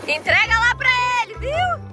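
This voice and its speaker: Very high, animated woman outdoors. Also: moderate pace, music in the background. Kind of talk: casual chat.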